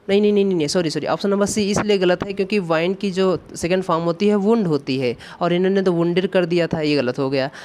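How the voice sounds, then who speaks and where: A man with an Indian accent teaching an exam-prep English grammar lesson, explaining step by step and reading key sentences slowly. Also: sits high, darkish tone.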